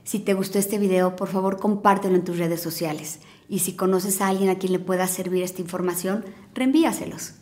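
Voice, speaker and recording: A woman hosts a parenting podcast and gives calm, gentle, reassuring advice from a script. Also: on the low side, fairly quick, few pauses.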